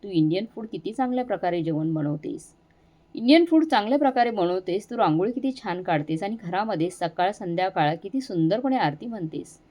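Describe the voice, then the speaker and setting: A woman voicing a kind husband who gently reassures his wife in a storybook reading. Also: mid-range voice, animated, fairly quick, natural voice. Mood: reassuring.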